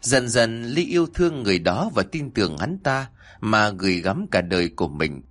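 A man narrating a dark story in an expressive, emotional way. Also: fairly low pitch, moderate pace.

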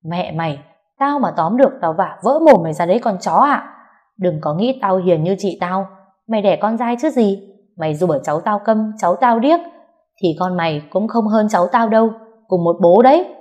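A woman voicing a fiery, foul-mouthed young woman who shouts insults in sharp, combative bursts. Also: mid-range voice, expressive, normal speed, close to an everyday voice. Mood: furious.

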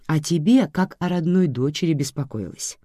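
A woman voicing a calm, matter-of-fact grandmother in an audiobook, placating and dismissive. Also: low voice, normal speed, breathy edge, dry recording, clean studio sound. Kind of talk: audiobook reading.

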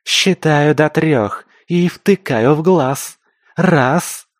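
A man's voice: on the high side, very slow, dry recording, studio quality, voice pushed up. A man voicing a fierce, crude female mutant fighter who snarls threats in street slang. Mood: threatening.

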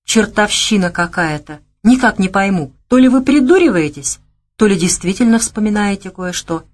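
Young woman vendor, read by a woman narrator: curious, teasing, animated, higher voice. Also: moderate pace, natural voice. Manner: animated, teasing, raised pitch.

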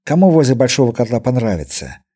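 A man's voice: medium pitch, very animated, quick pace, mellow, breathy edge. A man reading the lines of a blunt, practical male expedition leader asking direct questions.

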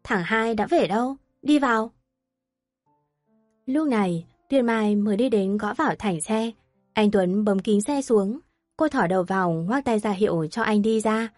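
A woman narrating an audio story with steady, even storytelling. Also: mid-range voice, normal speed, no room sound, clean studio sound, soft background music.

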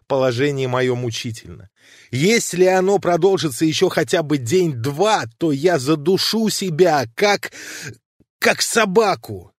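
A man's voice: fairly high pitch, animated, measured pace, no echo, studio quality, voice pushed up. A man reading an audiobook, voicing a restless, tormented young man who begs urgently. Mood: desperate pleading. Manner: urgent, pleading, emotional. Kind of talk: audiobook reading of classic prose.

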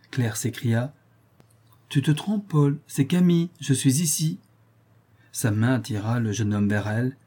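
Male audiobook narrator, warm and slightly husky, measured novel reading. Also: lowish voice.

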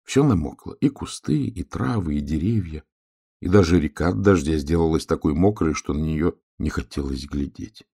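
Deep, gravelly male storyteller. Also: animated, normal speed, warm tone. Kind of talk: storybook reading.

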